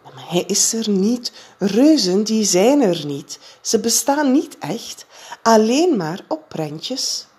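A woman voicing a gentle mother who soothes her child in a reassuring, lilting voice. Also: medium pitch, very animated, slow pace, breathy edge, voice pushed up, full character voice. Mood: soothing.

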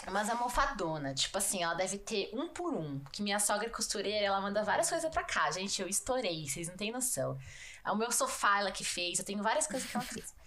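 A woman's voice: on the high side, bright, forceful tone, a little hiss or hum. Slangy São Paulo woman chatting. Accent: São Paulo Brazilian Portuguese. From São Paulo state, Brazil. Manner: slangy, fills speech with "tipo" and "né". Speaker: podcast co-host. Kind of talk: casual chat.

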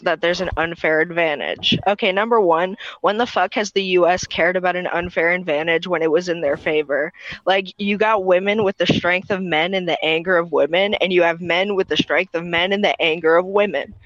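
A man's voice: high voice, steady tone, moderate pace, fairly bright tone. A man in a casual chat, telling a joke, profane and a little self-deprecating. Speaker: stranger on a video chat. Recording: dull lo-fi line.

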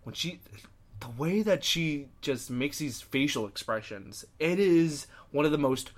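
A man's voice: a little high, expressive, measured pace. A young man co-hosting a podcast, chatting casually and enthusiastically about films with a friend. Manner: enthusiastic, opinionated, uses many fillers. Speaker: podcast co-host. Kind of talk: casual chat.

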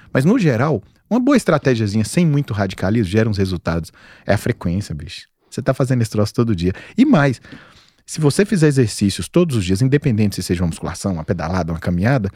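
A doctor in his forties with a Brazilian Portuguese accent chats as a guest on a casual podcast, his medium-pitched voice slightly rough. He tells stories in an animated way, leaning on slang for emphasis, and the studio-quality recording has no echo.

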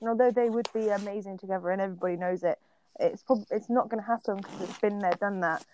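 A woman's voice: mid-range voice, fairly even intonation, quick pace, a little mellow, slight background noise, poor audio. A young woman co-hosting a podcast in casual chat, giggly and gushing with enthusiasm. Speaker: podcast co-host.

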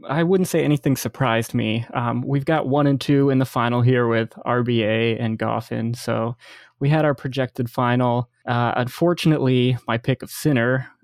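An American man co-hosting a casual sports podcast, easygoing, laughing often, and trailing off softly. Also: mid-range voice, steady tone, normal speed, dry recording, studio quality. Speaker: podcast co-host.

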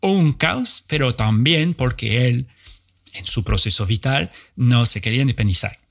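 A man talking casually as an intuition coach, animated and slangy, swearing freely. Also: medium pitch, unhurried, creaky. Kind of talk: casual motivational monologue.

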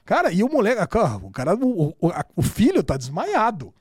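High, very lively Brazilian man, casual podcast chat, animated swearing storyteller. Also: a little fast, breathy edge, no echo, clean studio sound. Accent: Brazilian Portuguese. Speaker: podcast host.

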